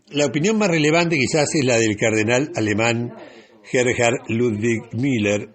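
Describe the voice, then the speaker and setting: An Argentine man hosts a radio talk show, delivering opinionated news commentary slowly and emphatically, pausing between phrases. His voice is husky, fairly low, and a little bright.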